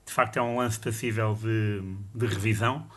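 Even, lowish, hesitant Portuguese man. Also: normal speed. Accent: European Portuguese. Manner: hesitant, repeats words. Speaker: football pundit. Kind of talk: football analysis in a panel talk.

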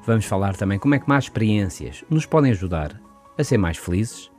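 A man with a European Portuguese accent, explaining ideas in a calm, measured way on a podcast. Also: fairly low pitch, soft background music. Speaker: podcast author and guest commentator. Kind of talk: casual explanatory chat.

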